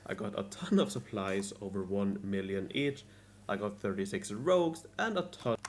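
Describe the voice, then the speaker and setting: Man, game recap narration, low voice, lively pitch, repeats takes, desk mic. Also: normal speed, a little hiss or hum. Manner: restarts lines over and over. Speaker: gaming video creator.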